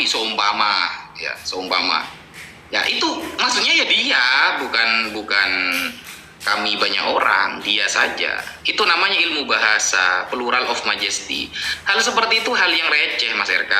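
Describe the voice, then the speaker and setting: Very bright lecturing preacher. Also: male voice, medium pitch, reverberant, rough recording. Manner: explanatory, gently dismissive, lecturing. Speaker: Islamic preacher answering a challenge. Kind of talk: reaction commentary.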